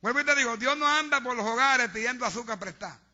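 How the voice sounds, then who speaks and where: Fervent high-voiced preacher, lo-fi. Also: male voice, fast talker, pushed and bright. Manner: fervent, exhorting, preaching to a congregation. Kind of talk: sermon. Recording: dull lo-fi sound.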